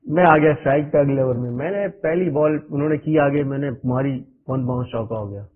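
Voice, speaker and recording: A middle-aged man from Pakistan, a cricketer guest telling stories in loose, run-on sentences and chuckling often. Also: mid-range voice. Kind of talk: anecdotal interview storytelling. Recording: narrow phone-like radio audio.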